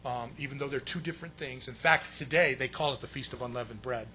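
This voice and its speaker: A man preaching a sermon with emphatic delivery, swinging between loud stressed phrases and hushed asides. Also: mid-range voice, quick pace, slight background noise. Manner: acts out quotes in a raised voice. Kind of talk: sermon teaching.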